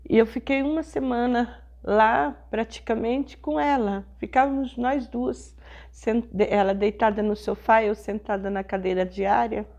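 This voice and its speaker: A middle-aged woman pastor, telling a personal testimony in a sermon with slow, emotional storytelling. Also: a little high, creaky, a little mellow, dull audio.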